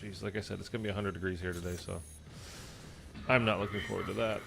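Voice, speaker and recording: Talking fast in a low, steady, creaky voice, a gaming streamer rambles through a zombies session against a noisy background. His casual commentary is packed with fillers, and he sounds stuffy and congested.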